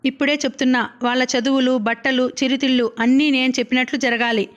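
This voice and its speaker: A stern young woman lays down the rules in a firm, insistent voice. Her tone is high and clear, read out by a woman narrating an audiobook. It is a storybook reading. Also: little pitch movement, fast talker, natural voice. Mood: scolding. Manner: scolding, insistent. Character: stern strict young woman, eldest sister.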